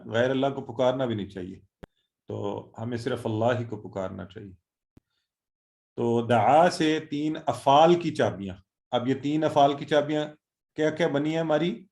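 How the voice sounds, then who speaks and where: A man teaching an online Quran class, encouraging students and drilling words slowly. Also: mid-range voice, vocal fry, a little mellow.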